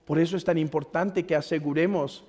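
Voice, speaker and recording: Mexican pastor preaching, pretty high voice, earnest, lots of church echo. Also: male voice, fairly even intonation, a little fast. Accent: Mexican Spanish. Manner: earnest, exhorting, swings from loud urging to quiet pleading. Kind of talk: sermon. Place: church hall. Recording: long church reverb.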